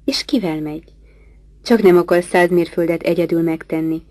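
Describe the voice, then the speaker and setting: A gruff, teasing middle-aged gentleman from a storybook reading, bantering in a low, dark voice, as a woman reads his lines. The sound is dry and close, with no room around it. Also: steady tone, no echo, lightly acted. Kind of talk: audiobook dialogue reading.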